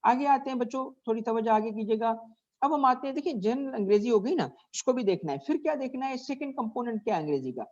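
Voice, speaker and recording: A man's voice: extremely high pitch, expressive, fast talker, a little mellow. Man lecturing students, dull recording. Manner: keeps checking in with students and asks them questions. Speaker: teacher. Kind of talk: classroom lecture.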